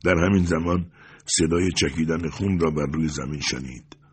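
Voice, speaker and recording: A man narrating a story as an audiobook in a steady, measured reading. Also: very deep voice, breathy edge.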